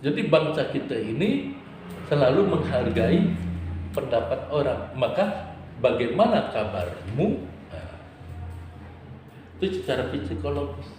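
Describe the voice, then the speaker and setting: A man preacher giving a religious study lecture, playful and lively, sometimes acting out quarrelsome vendors. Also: mid-range voice, unhurried, long pauses, slight background noise. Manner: lively rising and falling intonation. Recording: very echoey hall.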